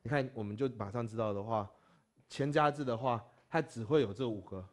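A man teaching a classroom language lesson. He spells out syllables slowly and often checks that his students follow. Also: mid-range voice.

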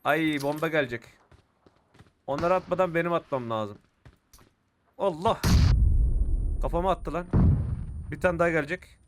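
A young man commentating his mobile shooter game, getting frustrated and shouting at opponents. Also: fairly high pitch, normal speed, pauses often, noisy background. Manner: excitable, frustrated outbursts while playing. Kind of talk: live gameplay commentary. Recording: clear game gunfire behind the voice. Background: shooter game gunfire and clicks.

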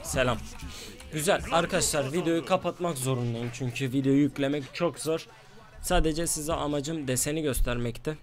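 A man giving casual gameplay commentary as a gaming YouTuber, excitable and quick to flare up at his losing teammates. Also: on the high side.

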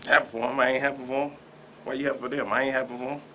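Poor audio with a little hiss or hum carries a medium-pitched, sharp male voice firing off words flatly and rapidly. He's a Dayton, Ohio man in his forties doing a boastful, rambling comic bit with banter on a local talk show, recorded in a small indoor room.

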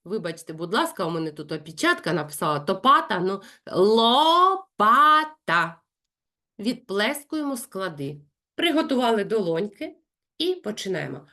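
A woman running a consultation for parents, speaking slowly and clearly and acting out lively sing-song examples. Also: mid-range voice. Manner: addresses parents directly, gentle and instructive. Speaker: speech therapist consulting parents.

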